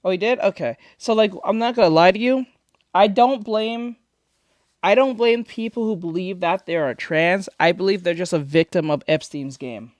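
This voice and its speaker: This man's high-pitched voice moves at normal speed in a dry recording, captured on a studio microphone in a foam-treated home studio. Streaming casual reactions, he rambles, gives strong opinions, swears heavily and keeps restarting.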